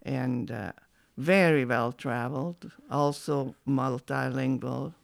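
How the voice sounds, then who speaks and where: A woman in her seventies reminiscing in an oral history interview, halting with many restarts. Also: extremely low pitch, gravelly, no room sound. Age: 70s.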